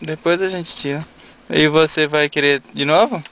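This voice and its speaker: A man talking with his young sons in a casual home video, gently coaxing and teasing them with questions. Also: on the high side, fairly even intonation, moderate pace, a little hiss or hum.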